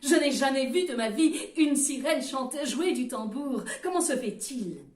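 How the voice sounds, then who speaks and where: A woman's voice: sits high, expressive, normal speed, a little mellow, recorded from a distance. A woman voicing an eager young male angel musician who coaxes his friends along. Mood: gentle. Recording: roomy sound from away from the mic.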